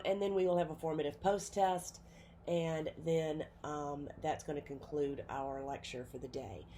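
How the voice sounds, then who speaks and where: In this recorded classroom lecture, the nursing instructor, who has a cold, talks through pharmacology casually with many fillers and self-corrections. Her low-pitched voice is a little mellow, with slight background noise.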